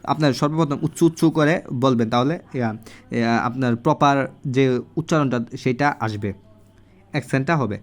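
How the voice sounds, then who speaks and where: A man giving a casual handwriting lesson at home, recorded on a phone, slowly repeating each syllable as he writes. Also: mid-range voice, faint music behind. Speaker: language teacher. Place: home room.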